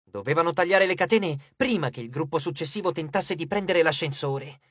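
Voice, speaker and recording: Higher-voiced male audiobook narrator. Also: animated, brisk, a bit bright, breathy edge, dry recording, clean studio sound. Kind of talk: scripted narration.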